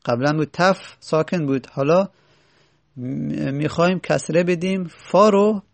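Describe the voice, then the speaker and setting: A man teaching a lesson in a gravelly, slightly high voice. He reads a line from a grammar text, then patiently explains it and asks rhetorical questions along the way. The sound is dry and close. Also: no echo. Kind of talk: classroom lecture reading and explaining a grammar text.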